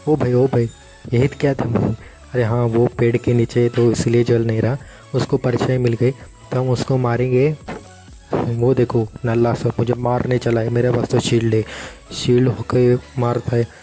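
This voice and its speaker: Chatty young man, flat mellow voice. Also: medium pitch, a little slow, faint music behind. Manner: chatty, reacts loudly to in-game mobs. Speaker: gaming YouTuber. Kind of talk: casual game commentary.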